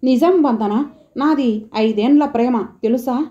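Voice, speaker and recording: A woman reading the lines of a friendly, confident young man, in a softer, lower voice than her narration. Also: unhurried, muffled recording, lightly acted. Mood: earnest. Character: friendly young male suitor, confident and easygoing.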